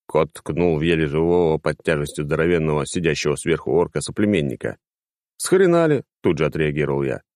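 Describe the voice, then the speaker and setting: A man reading a first-person audiobook in a wry, lively narration style. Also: quick pace, hardly any pauses, no room sound, clean studio sound. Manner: lively, wry, sweeping pitch.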